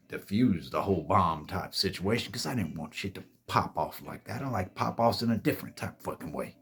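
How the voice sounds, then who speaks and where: A man with a low, slightly rough, somewhat bright voice hosts his own show with a storytime monologue. His delivery wanders in a laid-back way, full of bragging, cursing, self-corrections, and the nickname "babies" for his viewers.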